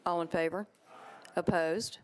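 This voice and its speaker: A woman serving as vice mayor, chairing a council meeting in a brisk, procedural way as she reads bill titles and calls votes. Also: on the low side, fairly even intonation.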